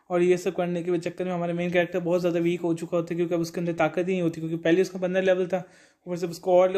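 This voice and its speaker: A man's voice: sits high, mellow. A young man casually retelling an anime episode, rambling and quoting the characters' lines as he goes. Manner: rambling, retells dialogue in quotes. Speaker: anime recap narrator. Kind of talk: casual spoken anime recap.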